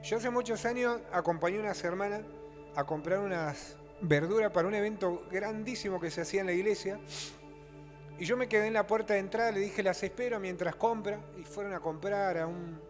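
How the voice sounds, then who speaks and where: High-voiced preacher man. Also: fairly quick, big-room sound, faint music behind. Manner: animated storytelling, rising to emphatic preaching. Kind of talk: sermon with acted-out stories.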